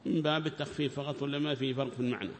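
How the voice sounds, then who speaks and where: A man explaining a scripture passage in a measured lesson, repeating his points for emphasis. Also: medium pitch, long reverb tail, slight background noise. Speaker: teacher of Quran commentary.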